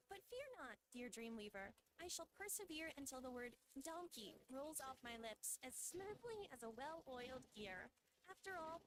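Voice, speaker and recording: A woman's voice: sits high, rough recording. A woman's voice as a flowery, overly polite AI companion character in a game. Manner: flowery, overly polite, addresses him as dear Dreamweaver.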